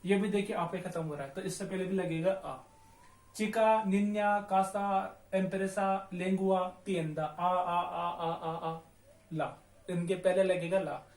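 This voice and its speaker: A man from India teaching a language lesson, speaking slowly and patiently, spelling words out letter by letter and repeating each one. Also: high voice, steady tone, darkish tone. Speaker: Spanish teacher. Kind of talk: classroom-style language lesson. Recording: echoey room.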